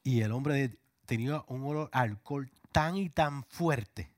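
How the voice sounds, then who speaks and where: Pastor, hombre, acento caribeño, sermón ferviente, a veces susurra, sonido seco. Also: male voice, medium pitch, unhurried, no room sound, clean studio sound. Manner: impassioned, drops to a whisper at times. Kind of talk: sermon.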